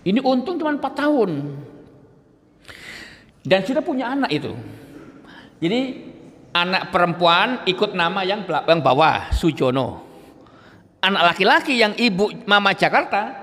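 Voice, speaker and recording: Bright high-voiced male preacher. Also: very animated, moderate pace, pauses often. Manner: chatty storyteller who laughs and addresses the audience directly. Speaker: Islamic preacher. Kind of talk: casual religious lecture to a congregation. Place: mosque hall. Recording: echoey mosque hall.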